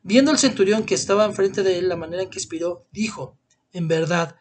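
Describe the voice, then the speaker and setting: A man with a high voice reads scripture aloud during a sermon. He reads with feeling, slowing down and dropping his voice at the moving moments. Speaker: preacher.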